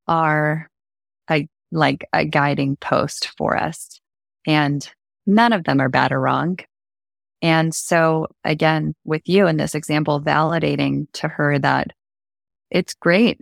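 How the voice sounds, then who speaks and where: A woman co-hosting a podcast, affirming and gently emphatic as she reflects on emotions. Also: deep voice, creaky, no room sound, studio quality. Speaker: podcast co-host. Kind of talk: casual chat.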